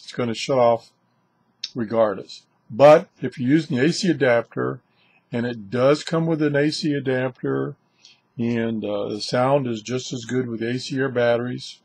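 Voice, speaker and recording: A man's voice: mid-range voice, a little mellow, slightly rough, no echo. An older man hosting a casual, unscripted product vlog, chatting in a rambling way. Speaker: video host reviewing shortwave radios. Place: indoors, small cluttered radio room.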